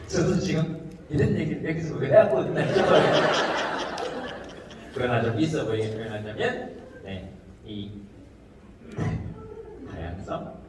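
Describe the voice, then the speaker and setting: A man performing a comedic talk to a live audience, animated and jokey, slipping into quick impressions of how people talk. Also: medium pitch. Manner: animated, jokey, mimics regional speech in quick asides. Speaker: comedian giving a talk concert. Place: large hall with a live audience. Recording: echoey hall audio with noise, from far off.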